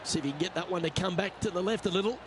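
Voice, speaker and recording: A man's voice: high voice, very fast, lightly acted. A man playing an encouraging television golf commentator, calling each shot as it happens in a video game. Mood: encouraging, engaged. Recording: very noisy, loud crowd ambience behind. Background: loud crowd and outdoor noise.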